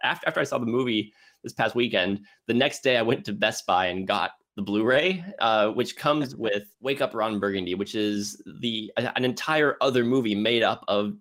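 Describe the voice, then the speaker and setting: Co-hosting a casual film-review podcast, this man talks with enthusiasm, rambling and halting mid-phrase. His voice sits on the low side, a bit bright, at a normal speed.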